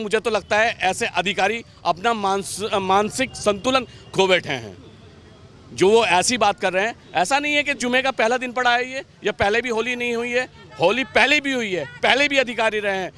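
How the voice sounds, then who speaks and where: A man with a rather high voice answers a reporter's questions out on a street. He speaks at a measured pace and states his criticism plainly, in the manner of someone giving an on-the-spot street interview. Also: pushed and bright.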